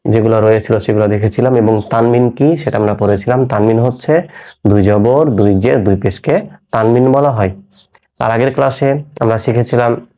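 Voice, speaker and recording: A man teaching a recorded Quran reading lesson, slowly and patiently spelling out each letter sound for his students. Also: medium pitch, warm tone.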